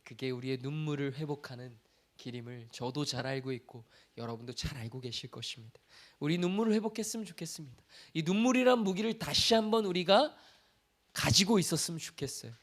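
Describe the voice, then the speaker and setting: A man's voice: fairly high pitch, animated, a little fast. A male pastor giving a conversational sermon, asking the congregation questions and acting out quoted speech. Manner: conversational preaching with rhetorical questions; acts out God's voice in quoted lines.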